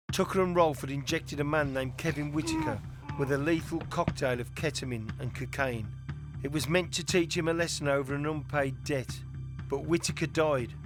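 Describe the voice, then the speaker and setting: A man giving scripted, measured true-crime documentary narration. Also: medium pitch.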